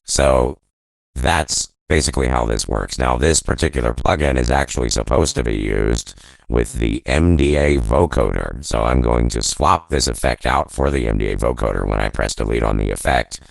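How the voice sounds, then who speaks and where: A man casually explaining audio software while his voice runs through a vocoder pitched down fourteen semitones. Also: normal speed, vocal fry, no room sound, rough recording. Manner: relaxed, explanatory, thinking aloud. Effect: vocoder processing, pitched down fourteen semitones. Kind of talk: casual tutorial walkthrough.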